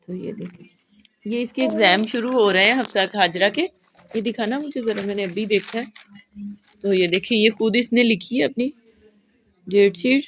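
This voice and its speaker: A woman's voice: mid-range voice, moderate pace, long pauses, a bit bright, slight background noise. A woman vlogging at home as a mother, chatting casually and speaking straight to her viewers.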